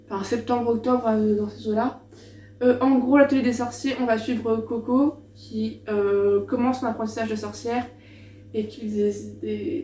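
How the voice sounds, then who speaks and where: Woman, book vlog host, higher voice, mellow tone, hesitant chatty delivery, echoey room, mic a bit far off. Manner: hesitant, many fillers and restarts, self-mocking. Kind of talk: casual book presentation vlog. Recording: echoey room, mic at a distance, faint hum.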